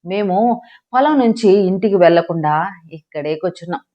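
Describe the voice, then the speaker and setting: A woman's voice: fairly low pitch, lively intonation, fairly quick, lo-fi sound, close to an everyday voice. A woman voicing a tired middle-aged father who sighs over family quarrels. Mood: weary. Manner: sighing, tired.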